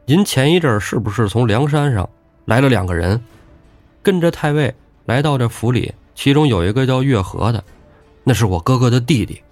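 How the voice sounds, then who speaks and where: A man voicing a calm, cunning young male outlaw in a told story, speaking in a hushed, steady way. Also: medium pitch, fairly quick, no room sound, soft background music, close to an everyday voice. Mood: persuasive.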